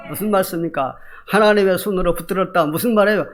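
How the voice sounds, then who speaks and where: An older male pastor preaching a sermon with animated delivery, often quizzing the congregation. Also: high voice, quick pace.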